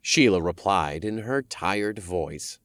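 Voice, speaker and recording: A man's voice: low voice, expressive, slow pace, a bit bright, dry recording, clean studio sound. A man narrating a fantasy audiobook in the first person, with wry storytelling.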